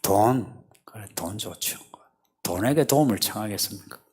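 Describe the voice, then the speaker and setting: Male pastor preaching at a church service, husky voice, peppers the congregation with questions. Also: fairly low pitch, animated, normal speed, darkish tone. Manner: asks the congregation rhetorical questions. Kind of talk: sermon.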